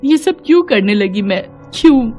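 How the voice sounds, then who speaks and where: A woman's voice: fairly high pitch, moderate pace, a little mellow, soft background music, natural voice. A woman playing a proud young daughter-in-law. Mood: remorseful. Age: young adult.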